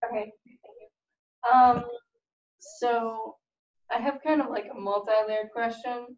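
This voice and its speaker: A woman's voice: a little high, steady tone, slow pace. A teenage girl in a student book club asking an author questions over a video call, giggling eagerly. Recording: distant muffled echoey room.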